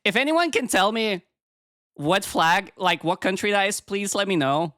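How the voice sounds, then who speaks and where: A woman's voice: medium pitch, lively intonation, moderate pace, fairly bright tone, no echo, studio quality. A woman with a cute, cheery anime-streamer delivery, chatting casually with viewers on a livestream as a VTuber.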